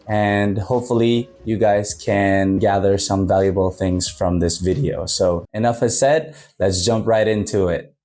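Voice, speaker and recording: A man's voice: on the low side, warm tone. A man hosting a casual interview in a chatty, upbeat vlogger manner, with faint background music. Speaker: host.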